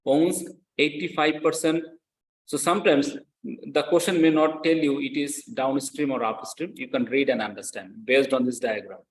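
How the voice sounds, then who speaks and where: In an echoey classroom, a man teaches accounting step by step in English, which isn't his native language, repeating phrases and checking on his students often. His mid-range voice is steady and moves at a normal pace.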